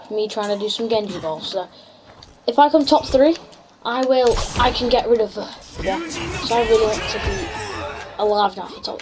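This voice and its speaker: Female gaming host, high-pitched, chatty and reactive, casual commentary over background music. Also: low-quality recording. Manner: chatty, reacts aloud to the game. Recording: music behind the voice.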